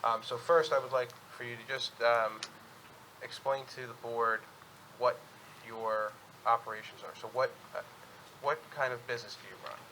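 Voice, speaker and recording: Bright-voiced male attorney at a hearing. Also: medium pitch, flat delivery, normal speed, a little hiss or hum, poor audio. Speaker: attorney for an applicant. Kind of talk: formal hearing presentation and questioning. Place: public board meeting room.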